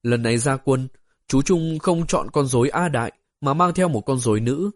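A man narrating an audiobook story in a steady, even storytelling way. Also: medium pitch, moderate pace, no room sound, studio quality.

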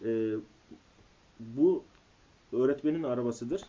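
Guy student reading n translating slowly word by word, husky mellow voice, dull old worn tape sound. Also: mid-range voice. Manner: halting, word-by-word delivery. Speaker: language student. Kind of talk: reading aloud and translating in a lesson. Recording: muffled old cassette tape.

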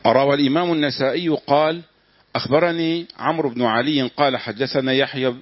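A man reading a classical religious text aloud to his teacher, steady, with small slips he corrects. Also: medium pitch, a little fast, dry recording. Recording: dull, dry lo-fi room recording.

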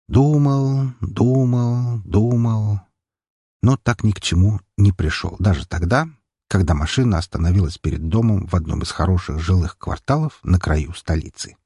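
A man narrating a first-person audiobook in a measured, wry storytelling manner. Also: deep voice, lively intonation, a little mellow, slightly rough, dry recording, studio quality.

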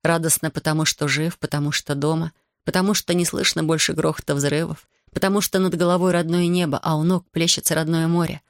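A man narrating an audiobook in a measured, even reading style. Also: a little high, no room sound.

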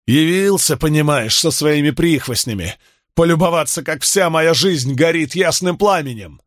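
A man's voice: fairly low pitch, lively intonation, moderate pace, fairly bright tone, husky, dry recording, clean studio sound. A man voicing a desperate, ruined middle-aged shopkeeper in an audiobook, in a strained, pleading voice. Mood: angry. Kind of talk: audiobook character voice.

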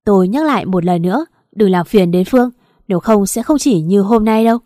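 A woman's voice: mid-range voice, animated, fairly quick, mellow, no room sound, studio quality, close to an everyday voice. A woman voicing a composed young man who speaks steadily and firmly. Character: calm, firm young man, protective lover.

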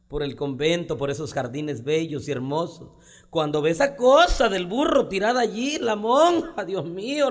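A man with a Mexican accent telling earthy jokes, laughing loudly at his own punchlines. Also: a little high, big-room sound. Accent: Mexican Spanish. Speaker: comedian. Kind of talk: joke telling.

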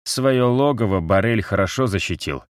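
A man's voice: lowish voice, lively intonation, normal speed, no room sound, studio quality, pitched above the performer's own voice, close to an everyday voice. A man reading an audiobook, voicing a mocking, unrepentant wounded male captive whose broken jaw is wired shut, with a lazy, sneering manner. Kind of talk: audiobook character voice.

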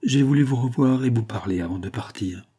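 A man reading an ardent young man who speaks earnestly and imploringly, in a low, husky voice. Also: a little fast, warm tone. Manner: fervent, imploring.

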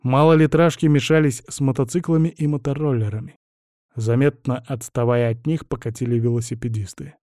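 A man narrating a first-person audiobook in a gruff, blunt, dramatic reading. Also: medium pitch, fairly even intonation, brisk, warm tone, no echo, clean studio sound.

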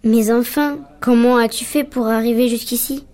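A woman voicing a tender young boy who speaks softly and half in whispers. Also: a little high, fairly even intonation, normal speed, natural voice. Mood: amazed. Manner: soft, breathy, half-whispered.

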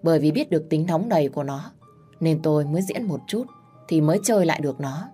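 A woman narrating a first-person story in a steady, intimate telling. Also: low voice, fast talker, soft background music.

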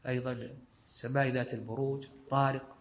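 A man's voice: medium pitch, little pitch movement, fast talker. A male sheikh giving a scholarly lesson commentary, explaining in short, repeated phrases. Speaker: sheikh teaching a fiqh text.

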